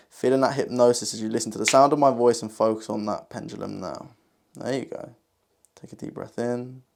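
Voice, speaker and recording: A man giving a hypnotic induction in a slow, soothing hypnotist voice, repeating calming phrases with pauses. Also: medium pitch. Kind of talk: hypnotic induction, guided relaxation.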